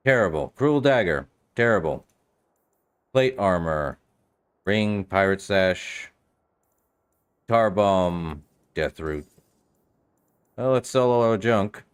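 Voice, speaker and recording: Casting: male let's-play streamer, low register, offhand self-directed commentary. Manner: offhand, muttering reactions to self. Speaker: game streamer.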